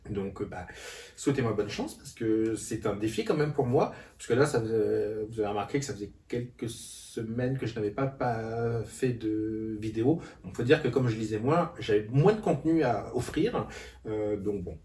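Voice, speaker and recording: A man's voice: on the low side, animated, moderate pace, a little mellow. A hesitant man talks casually about books, stopping often to restart his sentences. He sits a little back from the mic, and the room gives his voice an echo. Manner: hesitant, many fillers and restarts. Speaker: book vlogger. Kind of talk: casual book haul vlog. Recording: roomy echo, a bit far from the mic.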